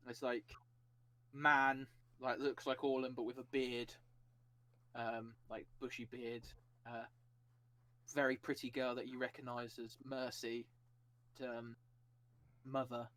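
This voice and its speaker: A man's voice: mid-range voice, little pitch movement, unhurried, long pauses, fairly bright tone, low-quality recording. A man playing in a tabletop role-playing game, describing his character loosely with many fillers. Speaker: player.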